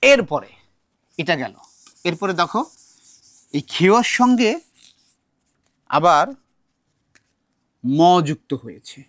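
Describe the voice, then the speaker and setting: A man's voice: high voice, very animated, takes it slowly, long pauses, fairly bright tone, no room sound, studio quality. A man from Bangladesh teaching a recitation class, patiently explaining and repeating words aloud to model how they are said. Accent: Bangladeshi Bengali. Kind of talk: classroom lesson.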